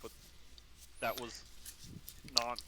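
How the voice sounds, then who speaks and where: A man playing in a tabletop game, hesitant and pausing with "uh" and "um" as he explains. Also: very noisy. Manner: hesitant, searching for words with many "uh" and "um". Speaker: player. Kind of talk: casual tabletop game chat.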